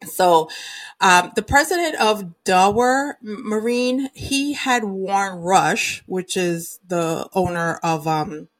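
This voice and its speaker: A woman hosts her own podcast, chatting casually about the news. She rambles a little, leaning on fillers, and her pitch sits in a middle range. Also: takes it slowly. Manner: chatty, uses many fillers like um and you know. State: recovering from a cold and sinus infection. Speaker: podcast host. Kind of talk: casual solo podcast talk.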